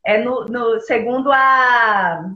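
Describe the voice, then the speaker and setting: A woman's voice: on the high side, takes it slowly, reverberant, muffled recording. Earnest missionary mother on a video call. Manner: earnest, religious, hesitant restarts. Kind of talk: casual video call interview.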